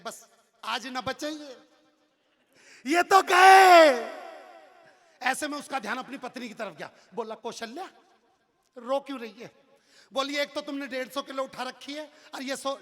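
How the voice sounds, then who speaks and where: High-voiced comic poet on a live stage. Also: male voice. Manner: lively storyteller acting out many characters, shouting punchlines. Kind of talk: stage comedy storytelling. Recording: long hall reverb from a live stage PA.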